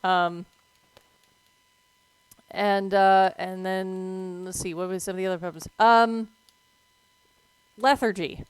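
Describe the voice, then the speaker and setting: A woman's voice: mid-range voice, slow pace, pauses often, clean tone, no room sound, poor audio. Blunt, foul-mouthed woman streamer. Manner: blunt, swears freely; animated, breaks off to react to the game. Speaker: streamer with veterinary work experience. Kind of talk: casual explanation while playing a game.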